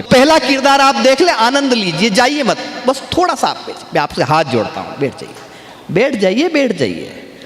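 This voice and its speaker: A man performing as a stage poet, reciting humorous verse slowly and emphatically and teasing the crowd between lines. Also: very high-pitched, a bit bright. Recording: echoey stage sound in a reverberant venue.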